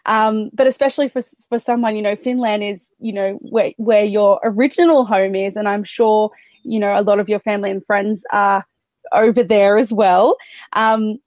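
A woman's voice: medium pitch, fairly even intonation, moderate pace, darkish tone, no echo. A woman hosting a podcast interview, talking in an effusive, enthusiastic way. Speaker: podcast host. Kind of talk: conversational interview.

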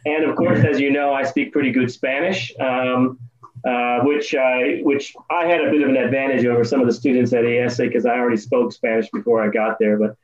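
The man, in his fifties and from the United States originally, fields interview questions over a call as a guest, casual and halting with lots of ums and restarts. His mid-range voice has fairly even intonation and a slightly fast pace, and the recording's highs are cut off.

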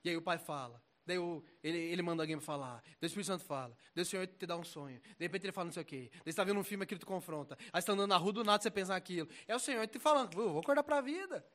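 A young Brazilian man preaching in a high, lively voice. He talks in easy street slang and swings from quiet asides to loud, pressing points. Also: rapid-fire, few pauses. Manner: animated, mocking voices, swings between loud and soft. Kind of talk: casual slangy sermon.

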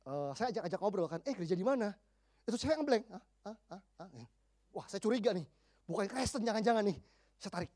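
A man in his forties, a pastor preaching a sermon, telling counseling stories in lively slang and acting out the people he quotes. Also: high-pitched, fast. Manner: animated storytelling, slangy, acts out the people he quotes.

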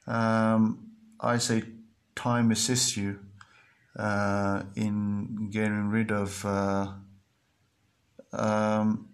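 A man hosting a podcast, speaking in an earnest, repetitive motivational monologue full of fillers and restarts. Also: on the low side. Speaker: podcast host.

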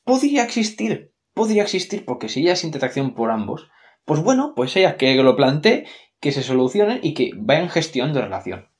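A man with a Spain Spanish accent gives casual, opinionated film commentary, sarcastic and expressive, swearing freely and swinging his pitch up and down. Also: normal speed. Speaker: film reviewer.

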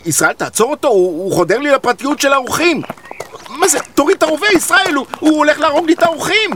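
An actor playing a harried guesthouse owner who stammers and grumbles, in a comedy radio play. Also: male voice, very high voice, animated, background noise. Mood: panicky. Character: flustered harried middle-aged man running a guesthouse.

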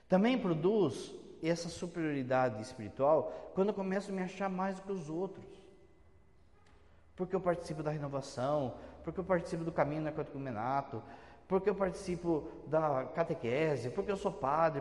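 A Brazilian priest gives a homily in a chatty, teasing manner and imitates his parishioners. His voice sits a little high. It rings out with the long echo of a church. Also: darkish tone. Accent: Brazilian Portuguese. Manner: conversational, teasing, mimics churchgoers.

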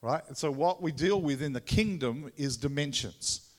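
A man with a Tasmanian Australian accent gives an informal sermon as a visiting preacher, halting and conversational, often repeating his words. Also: fairly high pitch, lively intonation. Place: large room or hall, speaking to a congregation. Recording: echoey hall with long reverb.

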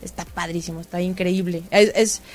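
A woman's voice: lowish voice, fairly even intonation, normal speed, a little mellow. A woman with a Mexican accent chatting casually in a playful, self-mocking way into a handheld microphone. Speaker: teacher. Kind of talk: casual chat.

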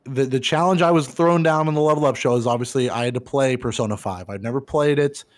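A man in his thirties co-hosting a casual podcast, laid-back and profane, who gets loud and animated when retelling funny scenes. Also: mid-range voice, quick pace. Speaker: podcast co-host. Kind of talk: casual chat.

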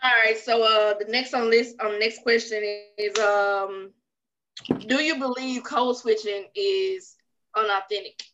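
A woman co-hosting a podcast who reads out the discussion questions in a relaxed way, with casual fillers. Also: mid-range voice, measured pace, dull audio. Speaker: podcast co-host reading the questions.

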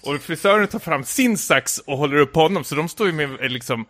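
A man's voice: a little high, expressive, fairly bright tone, no echo. A man telling a long anecdote in casual chat, full of filler words, stumbles and restarts. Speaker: podcast co-host telling a story.

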